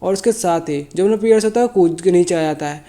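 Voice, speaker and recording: A sick manhwa recap narrator with a sore throat speaks at a quick pace in a high, mellow voice. His casual retelling is loose, and he repeatedly corrects himself and rephrases mid-sentence.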